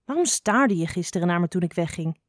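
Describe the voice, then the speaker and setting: A woman's voice: on the low side, animated, a little fast, no echo. A touchy, outspoken little girl snake from a children's storybook, voiced by a woman reading aloud. Her lines come out curt and direct, with a dry close sound. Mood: blunt. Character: young girl snake with weak muscles, prickly and blunt.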